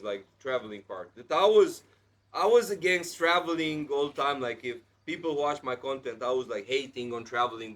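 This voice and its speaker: A man's voice: mid-range voice, fairly bright tone. A man in his thirties hosting a casual podcast chat, blunt and preachy, peppering his talk with "like". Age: 30s. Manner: heavy use of "like", blunt and preachy. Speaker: podcast host.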